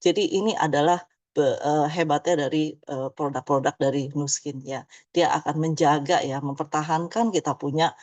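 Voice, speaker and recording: A woman's voice: sits low, fairly even intonation, moderate pace, darkish tone, dry recording. A woman in her fifties giving a chatty motivational presentation, tagging many phrases with "ya". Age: 50s. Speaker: business presenter.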